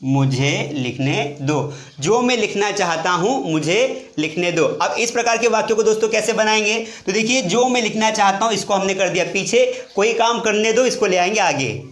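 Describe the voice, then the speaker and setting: Give me a high-voiced Indian man teaching English grammar. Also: normal speed, hardly any pauses. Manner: lively, questioning students often. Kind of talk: whiteboard grammar lesson. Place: classroom with board. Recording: echoey room.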